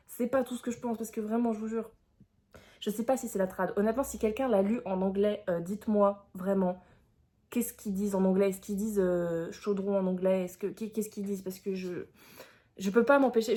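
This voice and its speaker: A young woman chatting casually in a reading vlog, expressive and full of fillers, with bursts of excitement. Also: mid-range voice. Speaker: book vlogger.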